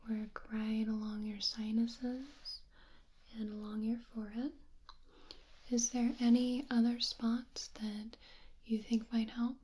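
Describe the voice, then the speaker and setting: A woman doing a whispered role-play as a medical examiner, with a soft, soothing, breathy, hushed delivery. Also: on the high side, little pitch movement, takes it slowly. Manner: soft, soothing spa-like whisper with personal attention. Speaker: ASMR performer playing a medical examiner.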